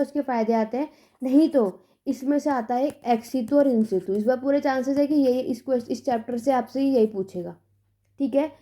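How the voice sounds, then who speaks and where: A woman's voice: on the high side, mellow. A young woman tutor giving emphatic, repetitive exam tips in a casual lesson, often checking in with her students. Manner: emphatic, repetitive reassurance with "theek hai" checks.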